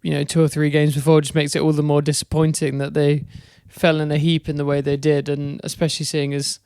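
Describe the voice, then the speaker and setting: Young male podcast co-host, smooth resonant voice, dry sound, hesitant casual cricket chat. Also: fairly high pitch, monotone, brisk, a little mellow, no room sound. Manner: thoughtful, hesitant with fillers.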